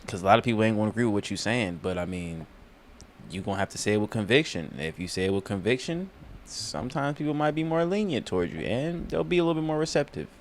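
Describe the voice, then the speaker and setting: A man's voice: fairly low pitch, lively intonation, fast, a little hiss or hum. A man streaming a reaction video, chatting casually in a laid-back, slangy way.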